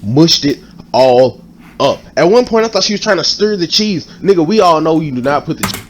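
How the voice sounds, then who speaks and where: A man's voice: on the high side, animated, normal speed, a little hiss or hum. A man giving comedic reaction commentary in an emphatic, mock-outraged, profanity-heavy way.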